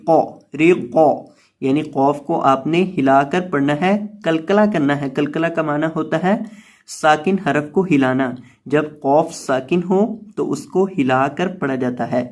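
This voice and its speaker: Male Quran reading teacher with a Pakistani Urdu accent and a somewhat high voice; patient, spells out letters and stretches each syllable. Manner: patient, repetitive explaining, stretches recited syllables slowly. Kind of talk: slow tajweed lesson, spelling out letters and drawing out syllables.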